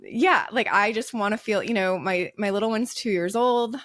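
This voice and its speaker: A woman in her late thirties co-hosting a podcast, chatting casually with lots of fillers and quick laughs. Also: medium pitch, fairly bright tone, no room sound, clean studio sound. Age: 30s. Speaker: podcast co-host. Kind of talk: casual chat.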